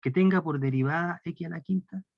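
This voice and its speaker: Chilean guy teaching calculus, kinda high voice, walks thru each step, dull lo-fi sound. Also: a little fast, creaky, dry recording. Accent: Chilean Spanish. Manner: explains step by step, asks rhetorical questions. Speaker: math lecturer. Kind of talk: recorded calculus lecture. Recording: dry, dull lo-fi lecture recording.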